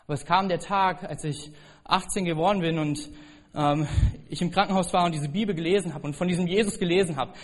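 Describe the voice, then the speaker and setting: A man preaching a sermon as pastor, telling a personal story and rising to loud, emphatic peaks. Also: high-pitched, fairly quick.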